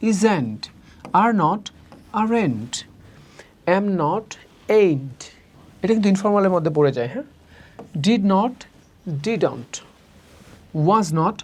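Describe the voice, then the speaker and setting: A man teaching spoken English in a recorded lesson, saying each word slowly and repeating the forms. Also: high-pitched, darkish tone. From Bangladesh. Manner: drills words slowly, repeating each form twice.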